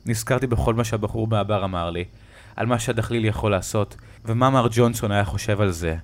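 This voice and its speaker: A man narrating a horror story in a slow, dramatic storytelling manner. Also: on the low side.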